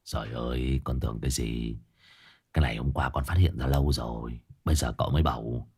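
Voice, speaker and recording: A man voicing a sly young male sidekick who speaks in a very soft, low mutter. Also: steady tone, a little fast, slightly rough, full character voice. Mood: scoffing.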